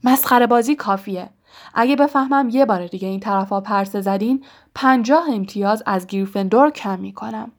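A woman's voice: medium pitch, lightly acted. A woman reading as a stern, scolding professor. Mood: angry. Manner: sharp and scolding. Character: stern strict older female professor.

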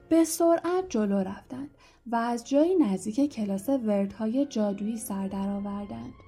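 A woman's voice: fairly high pitch, breathy edge. A woman narrating a storybook aloud, acting out the characters' voices. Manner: lively, acts out each voice. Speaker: audiobook narrator.

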